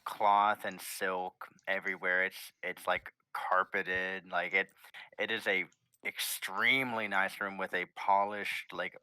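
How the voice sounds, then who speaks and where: A man narrating a tabletop game casually as game master, improvising and halting as he searches for words. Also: low-pitched, level tone, bright, forceful tone, clean tone, no echo.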